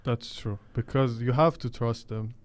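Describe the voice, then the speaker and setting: A man's voice: medium pitch, a little slow. A man chatting casually on a radio show, offering motivational sayings and answering his own questions in non-native English. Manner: gives motivational sayings, asks and answers himself. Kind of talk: casual chat.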